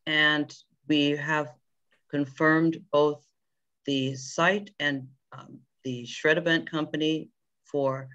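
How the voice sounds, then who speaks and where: Halting woman giving a committee report. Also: sits low, fairly bright tone, dull audio. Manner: halting, many fillers. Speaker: committee chair at a board meeting. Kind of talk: meeting report.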